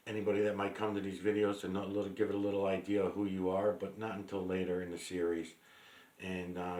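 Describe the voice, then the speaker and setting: Deep-voiced rambling man in a roomy echo. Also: darkish tone. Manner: meandering, many fillers and restarts, blunt with swearing. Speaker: vlogger. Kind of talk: rambling casual monologue to camera.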